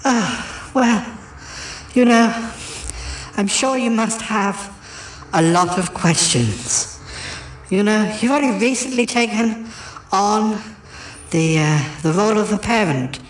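A man's voice: high voice, animated, takes it slowly, a little hiss or hum, pitched above the performer's own voice. A man playing a gushing, pompous grande dame. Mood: grand. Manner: grand, gushing, says "darling". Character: pompous theatrical grande dame, middle-aged woman. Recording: roomy echo.

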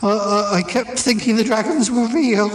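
A woman's voice: fairly high pitch, steady tone, normal speed, a little hiss or hum, natural voice. A woman voicing a nervous, giggly male stage actor who rambles and hesitates as he leaves a message. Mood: rambling. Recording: roomy echo.

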